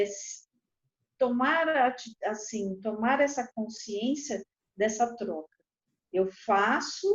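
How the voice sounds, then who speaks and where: A Brazilian woman, a lawyer, explaining calmly and acting out quoted dialogue animatedly. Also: medium pitch. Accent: Brazilian Portuguese. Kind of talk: explanatory talk. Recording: dull lo-fi recording.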